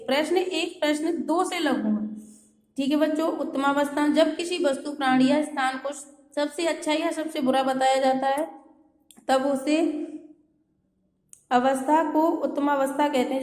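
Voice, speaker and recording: A woman teaching a grammar lesson to schoolchildren. She reads example words aloud in lists and often checks in with the class. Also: sits high. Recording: echoey room with long reverb.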